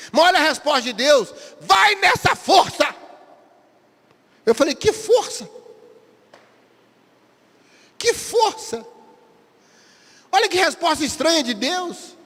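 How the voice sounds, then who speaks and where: A man with a Brazilian Portuguese accent preaching a sermon as a pastor, acting out prayers and replies with big swings in loudness. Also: sits high, in a large hall.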